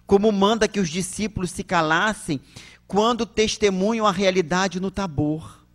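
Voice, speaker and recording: Delivering a public religious lecture at a spiritist centre, a Brazilian-accented man stays measured and asks rhetorical questions. His pitch sits high and his tone is fairly bright.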